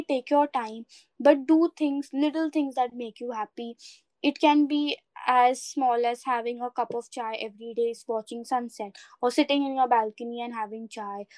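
Her pitch is fairly high but the tone leans dark, and the recording has no echo. A woman with an Indian accent co-hosting a podcast, she talks in a relaxed, thoughtful, earnest way meant to encourage, slipping from English into Hindi and back.

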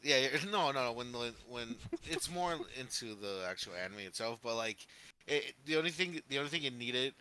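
Bright-voiced rambling man. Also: mid-range voice, animated, normal speed, a little hiss or hum. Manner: rambling, heavy on fillers, laughs often. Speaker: podcast co-host. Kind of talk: casual movie review chat.

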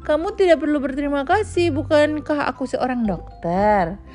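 A caring little animal doctor from a children's storybook, as a woman reading aloud puts him on. He speaks gently, giving soft warnings and reassurance, and his voice rises and falls a great deal. Faint music plays behind. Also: high voice, animated, normal speed. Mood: reassuring. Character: kind little animal doctor who wants to help.

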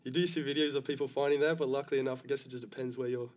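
A young man from Africa speaks. He answers questions in a relaxed, easygoing way, with his pitch held level and unvaried. He sounds calm and unhurried. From South Africa. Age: young adult. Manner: relaxed, easygoing, many fillers. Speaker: guest rugby player. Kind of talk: casual interview chat.

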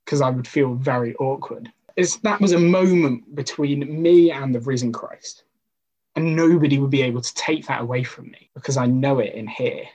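Husky man giving a casual sermon. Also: mid-range voice, normal speed, darkish tone, muffled recording. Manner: conversational, with personal stories and rhetorical questions. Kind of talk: informal sermon talk.

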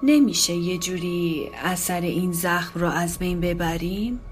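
Woman as a stern witch professor, lowish voice, precise and worried-sounding, light music. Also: natural voice. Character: stern middle-aged female witch professor, anxious. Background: faint music.

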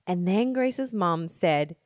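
An Australian woman co-hosting a podcast in animated casual chat, acting out her own thoughts. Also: on the low side, slow, dry recording, clean studio sound. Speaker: podcast co-host.

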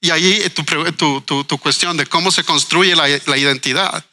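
A man's voice: a little high, normal speed, sharp tone. A man, a writer and educator speaking earnestly in a panel discussion, asking questions and repeating words as he thinks. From Ecuador. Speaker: writer and cultural manager guest.

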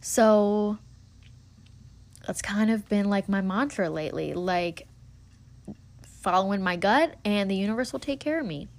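A woman's voice: medium pitch, a little slow, pauses often. Woman, twenties, podcast host, casual monologue, earnest, encouraging, chatty. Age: 20s.

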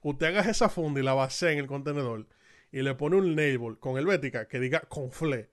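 A man's voice: mid-range voice, brisk. Slangy Dominican man telling a story. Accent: Dominican Spanish. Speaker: podcast co-host. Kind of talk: casual chat.

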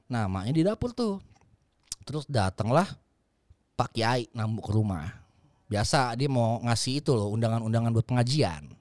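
A man telling comic stories with lively delivery, acting out his characters. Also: medium pitch, moderate pace, pauses often, dry recording, clean studio sound. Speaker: comedian. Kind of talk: comic storytelling.

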